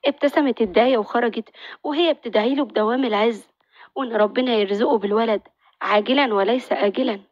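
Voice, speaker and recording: A woman narrating a story in a brisk, expressive reading. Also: on the high side, no echo, dull audio.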